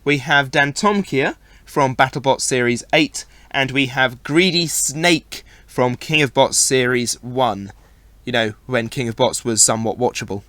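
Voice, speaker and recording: A man hosting a podcast in a relaxed, joking way, his voice a little worn from recent loss of it. The sound is dry and close, with no room echo. He keeps a middle pitch. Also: measured pace. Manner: jokey, teasing co-host. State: recovering from lost voice. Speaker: podcast host. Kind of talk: casual podcast chat.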